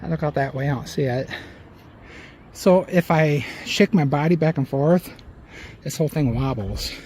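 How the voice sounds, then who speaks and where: A man's voice: fairly high pitch, normal speed. A man casually narrating a bike tour outdoors, chatty and rambling. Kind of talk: casual on-the-go commentary. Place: outdoors on a windy riverside bike route. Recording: loud wind and outdoor noise.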